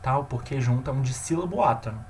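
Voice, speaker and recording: A man's voice: medium pitch, animated, darkish tone, a little hiss or hum. Man teaching a grammar lesson. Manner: checks in often with listeners; stresses key terms slowly.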